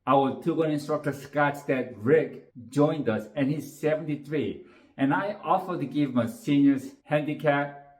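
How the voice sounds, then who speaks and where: A man's voice: medium pitch, roomy sound. A man who teaches shooting, narrating a match in an earnest, plain storytelling way, stringing his sentences together with "and". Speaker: shooting instructor.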